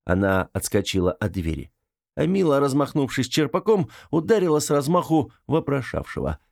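A man narrating an audiobook with lively, expressive storytelling. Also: medium pitch, moderate pace, creaky, no room sound, studio quality.

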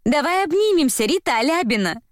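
A woman voicing a brash young woman who loudly and theatrically insists on a false friendship, in an audiobook. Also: sits high, very animated, a little fast, no room sound, studio quality, pitched above the performer's own voice. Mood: brash insistent. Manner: loud, mannered, capricious. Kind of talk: audiobook character voice.

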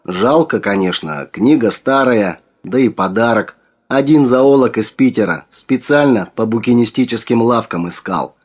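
A male audiobook reader voicing a restless, impulsive male artist in a brisk, slightly raised voice. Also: medium pitch, expressive. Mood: puzzled.

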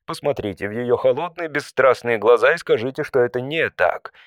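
An automated support-line menu voice acted out by a man for a comic audio story. It speaks in measured, scripted prompts at a middling male pitch, courteous and deadpan with faint exasperation. The sound is dry, with no room around it. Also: no echo, close to an everyday voice. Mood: deadpan, exasperated.

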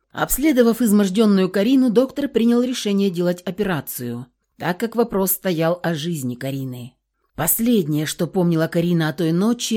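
Expressive woman reading an audiobook. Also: lowish voice. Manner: expressive, dramatic storytelling. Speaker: audiobook narrator. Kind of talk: scripted audiobook narration.

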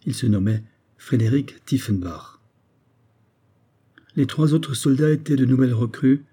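A man reading a historical novella aloud in a measured, even storytelling manner. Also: fairly low pitch, slightly rough. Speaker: audiobook reader. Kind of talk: audiobook narration.

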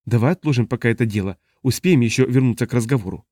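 A man's voice: mid-range voice, fast talker, dark tone, no room sound, studio quality, natural voice. A man voicing a sly straw-mouthed creature that hisses and wheedles. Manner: hissing, wheedling.

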